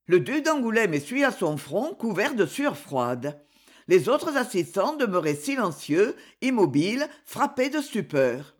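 Brief: female audiobook narrator, dramatic, animated pitch. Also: a little slow. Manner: dramatic and expressive. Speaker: audiobook reader. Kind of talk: scripted narration of a novel.

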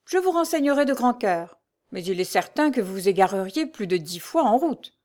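A woman voicing a scheming Paris swindler who flatters with ingratiating politeness. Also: medium pitch, moderate pace, natural voice. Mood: obliging. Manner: ingratiating, obsequious. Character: scheming smooth-talking Paris swindler, middle-aged man.

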